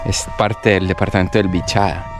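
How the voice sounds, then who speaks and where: A man's voice: steady tone, over music. A man hosting an expedition on location, explaining the places he visits in unscripted travel presenting. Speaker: travel host. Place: outdoors on location. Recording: loud rumble and rushing outdoor noise.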